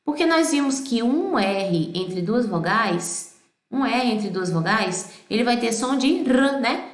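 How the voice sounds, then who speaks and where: A Brazilian woman with a Brazilian Portuguese accent teaching Italian pronunciation, singing song lines slowly and explaining in quick bursts. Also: fairly high pitch, lively intonation, roomy sound. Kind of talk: pronunciation lesson.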